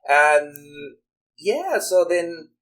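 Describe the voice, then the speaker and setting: A man's voice: on the high side, very animated, extremely slow, a bit bright. A man in his forties from Mexico with a Mexican Spanish accent, a guest DJ speaking English in a rambling way and repeating words as he searches for them. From Guadalajara, Mexico. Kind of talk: casual chat.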